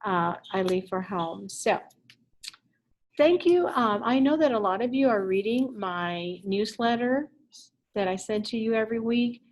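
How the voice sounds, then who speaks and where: A woman's voice: medium pitch, animated, unhurried, low-quality recording. A woman in her fifties from Puerto Rico, a Spanish teacher recording a casual introduction for parents from her classroom, rambling a little with fillers. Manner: chatty, warm-hearted rambling with fillers.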